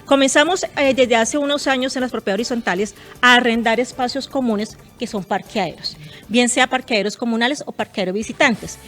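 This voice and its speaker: A woman's voice: a little high, brisk, a bit bright, soft background music. A woman, a guest expert explaining property tax rules in a precise, example-driven way on a radio talk show.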